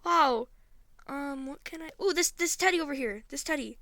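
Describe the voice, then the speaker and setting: A woman voicing a panicky, hungover young human who stammers and blurts things out loudly. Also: sits high, moderate pace, no echo, pitched above the performer's own voice. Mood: flustered panic. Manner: loud, flustered, stammering.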